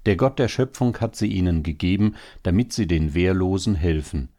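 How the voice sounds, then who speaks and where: A man's voice: sits low, moderate pace, warm tone. A man as a wry, consoling male hare. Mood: somber. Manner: soothing, wryly bitter. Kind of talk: storybook reading.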